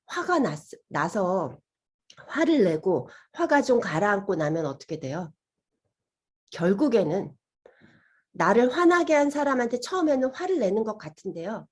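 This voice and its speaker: A woman's voice: mid-range voice, slightly rough. A woman giving a healing lecture, asking her listeners questions and acting out inner voices as she talks. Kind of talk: gentle lecture to an audience.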